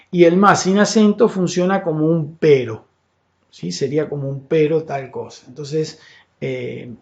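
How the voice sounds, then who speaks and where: Brief: male tutor, fairly high voice, unhurried step-by-step explanation, dull lo-fi recording. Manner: patient, explanatory, frequent "¿sí?" and "fíjense" check-ins; filler "eh" and "este" between phrases. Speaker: teacher. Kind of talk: screen-recorded software tutorial. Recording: dull lo-fi audio with faint hiss.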